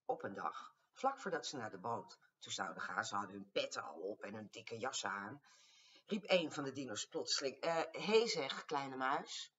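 An older woman, a grandmother, reading her own rhyming story aloud to her grandchildren in an affectionate, expressive way. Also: rumbling low, moderate pace. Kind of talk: storybook verse narration. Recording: distant, dull lo-fi home recording.

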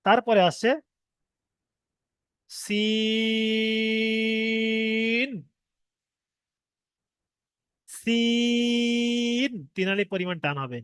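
Teaching Arabic letters online, a high-pitched man from Bengal who instructs Quran reading repeats each point with patience. He draws out example sounds and asks students if they follow, and the recording has no echo.

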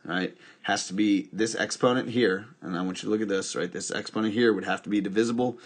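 Man, math teacher, recorded lesson, low husky voice, asks and answers his own questions, wry asides. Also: fairly even intonation, quick pace. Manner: talks through steps with self-questions and wry asides.

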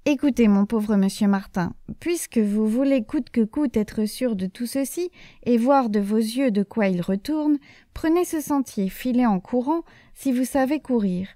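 A woman voicing a tall, solemn male angel who keeps a ledger, calm and matter-of-fact. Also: fairly high pitch, a little slow, no echo, lightly acted.

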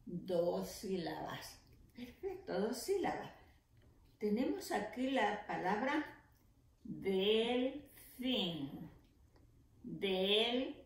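A woman teacher leading an early reading lesson for young children, slowly sounding out letters and syllables. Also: mid-range voice. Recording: echoey room.

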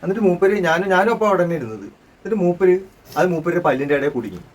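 A man's voice: on the high side, big pitch swings, racing, far from the mic. A middle-aged man playing the joking father in a family comedy skit, scolding and teasing and repeating himself.

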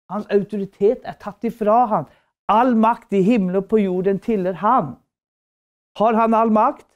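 A woman preacher teaches a Bible school class. Her voice is warm and mellow at a middle pitch. She drives her points home with fervent repetition and rhetorical questions. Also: dull audio. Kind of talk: preaching lecture.

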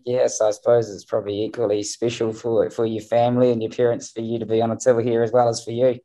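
A man hosts a press conference over a call, framing his questions with hesitant fillers and restarts. His voice is dark and mellow, at an ordinary pitch. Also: flat delivery, quick pace, low-quality recording. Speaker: media manager hosting a press conference.

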